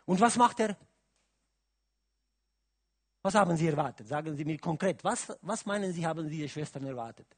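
A man preaching a sermon, asking his listeners questions and swinging from quiet musing to loud, emphatic calls. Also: a little high, expressive, normal speed, pauses often, slightly rough. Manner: asks the audience questions, adds "oder?" often.

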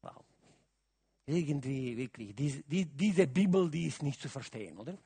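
A man preaching a sermon, asking his listeners questions and swinging from quiet musing to loud, emphatic calls. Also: medium pitch, expressive, normal speed, creaky, husky. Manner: asks the audience questions, adds "oder?" often.

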